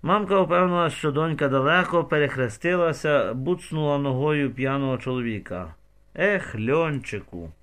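A man's voice: a little high, normal speed, few pauses, a bit bright. Man narrating a dramatic audiobook. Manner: dramatic storytelling.

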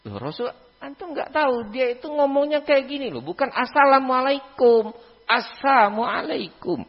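A man voicing an indignant young wife protesting, in a high-pitched retelling, on a reverberant, dull mosque recording. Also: very animated, brisk.

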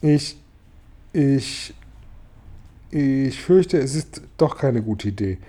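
A man reading a storybook aloud, voicing a calm, earnest young boy in a lifted voice. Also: on the high side, normal speed. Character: young boy, quiet and thoughtful. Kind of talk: audiobook reading.

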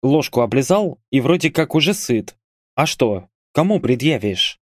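Lively male audiobook narrator. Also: medium pitch, normal speed, no echo, studio quality. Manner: lively, expressive storytelling. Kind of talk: audiobook reading.

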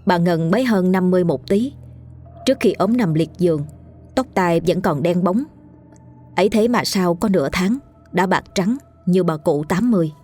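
A woman narrating a ghost story audiobook in a steady, measured way. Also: on the low side, soft background music. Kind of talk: scripted horror audiobook narration.

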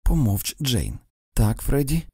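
Reproachful young wife, insistent, warm tone, male narrator voicing. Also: medium pitch, big pitch swings, slow, slightly rough, dry recording, clean studio sound, full character voice. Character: young wife, wounded and demanding.

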